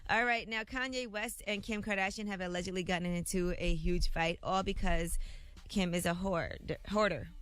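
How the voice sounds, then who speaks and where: A woman at a studio microphone runs through the day's celebrity gossip on a morning radio show. Her telling is brisk and chatty, and she acts out the quotes as she goes. Her voice sits in a middle range. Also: mid-range voice, fairly even intonation, fairly bright tone, clean tone.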